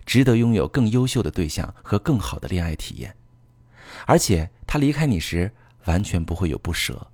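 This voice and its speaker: Here a man hosts a relationship advice talk as a monologue, his low voice carrying a darkish tone. He explains and instructs with earnest directness, his pitch varying a lot. It's recorded close and dry.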